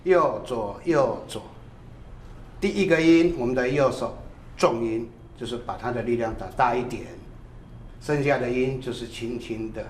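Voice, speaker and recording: A man's voice: mid-range voice, a little slow, roomy sound, slight background noise. A man teaching a drum class who calls out counts and short cues between demonstrations.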